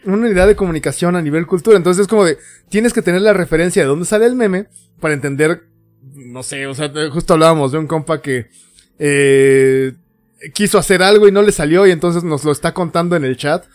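A man's voice: on the high side, fairly quick, soft background music. A young man with a Mexican Spanish accent, slightly drunk, co-hosting a casual podcast chat. He talks freely, laughs often and acts out the texts he quotes. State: tipsy. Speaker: podcast co-host.

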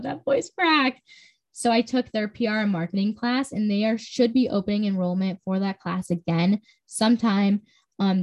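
A woman's voice: fairly low pitch, rough recording. A teenage girl hosting her own podcast, talking in an upbeat, enthusiastic, chatty way with frequent fillers. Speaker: podcast host. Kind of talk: casual solo podcast talk.

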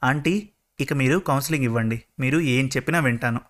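A man's voice: mid-range voice, a little fast, fairly bright tone, close to an everyday voice. A man voicing an upset young woman student in a told story, speaking earnestly.

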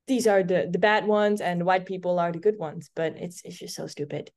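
A woman in her twenties, Dutch by birth and first language, with a light Dutch accent, tells stories as a guest in a casual podcast conversation. Speaking at normal speed in a low, darkish voice with fairly even intonation, she restarts often and uses many fillers.

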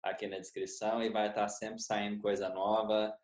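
A man's voice: on the low side, level tone, normal speed, a little mellow. Man hosting in an echoey room. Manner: agreeing, interjecting with exclamations. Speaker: host. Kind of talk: casual interview talk. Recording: roomy echoey sound.

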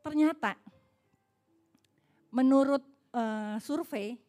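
A woman's voice: sits high, drawn-out words, dark tone, soft background music. A middle-aged woman, preaching in a chatty storytelling way, often asking the audience questions. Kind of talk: sermon with personal stories.

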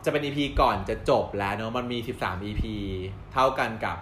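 A man co-hosting a casual chat, recapping episodes in a lively, storytelling way and laughing often. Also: mid-range voice, fairly quick, slight background noise. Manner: animated storyteller, acts out quoted dialogue and laughs often. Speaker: co-host reviewing a drama series. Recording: roomy with faint background ambience.

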